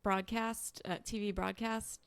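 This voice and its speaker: A woman with a Chicago accent co-hosts a podcast in a casual chat. She laughs a lot and sounds a little nervous. Her voice has an average pitch, and it is recorded dry and close. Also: little pitch movement, measured pace, clear, resonant tone, no room sound. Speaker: podcast co-host.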